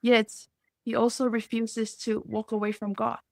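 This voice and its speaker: A young woman from Samoa speaks with a fairly high, clear voice, earnest and reflective as a podcast guest. The sound is close and dry, with no room echo. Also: flat delivery, moderate pace. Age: young adult. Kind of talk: podcast interview.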